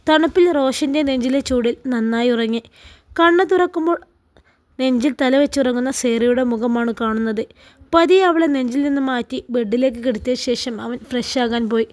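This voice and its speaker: A woman from Kerala reading a romance story aloud as narrator, in a calm, even storytelling manner. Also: high voice. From Kerala, India.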